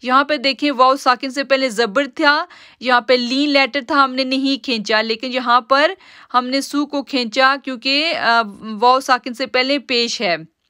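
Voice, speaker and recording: Woman tajweed teacher on a live stream, high crisp voice, patient explainer, dry close sound. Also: bright, forceful tone, dry recording. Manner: patient, step-by-step explaining, drawn-out slow recitation of words. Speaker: Quran recitation teacher.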